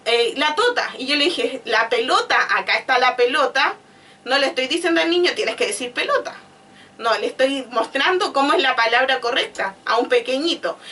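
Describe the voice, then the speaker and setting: Woman, speech therapist guest; high, bright voice, patient explainer, mic set back. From Chile. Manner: patient, explanatory, acts out child talk. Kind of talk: conversational explanation. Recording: voice from far off.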